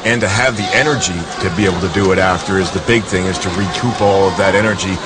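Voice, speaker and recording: A man's voice: low-pitched, fast. A man giving casual analysis as a co-commentator at a fight. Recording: music behind commentary.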